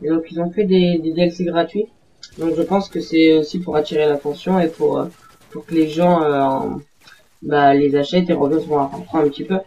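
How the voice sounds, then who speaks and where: A man's voice: a little high, steady tone, a little fast, warm tone. A man giving casual gameplay commentary as a voice-over, rambling hesitantly with many fillers and self-corrections. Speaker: gaming video maker. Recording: dull lo-fi home recording.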